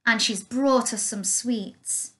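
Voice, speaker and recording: A woman voicing an adventurous, excited young boy as she reads a picture book aloud. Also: on the high side, slow pace. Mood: eager. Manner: eager, exclaiming.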